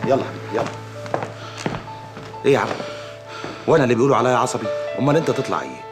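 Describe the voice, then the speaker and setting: This is an actor voicing a middle brother, a police officer with an Egyptian accent who keeps the peace. He speaks quickly and soothingly, with a loud drama score behind him. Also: mid-range voice, lightly acted. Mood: calming. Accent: Egyptian Arabic. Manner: soothing, trying to calm others. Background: music score.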